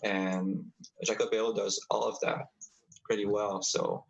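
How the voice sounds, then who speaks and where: Male panelist, low pitch, methodical, explanatory tone. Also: little pitch movement, measured pace, gravelly, highs cut off. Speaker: skating analyst. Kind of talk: live stream analysis.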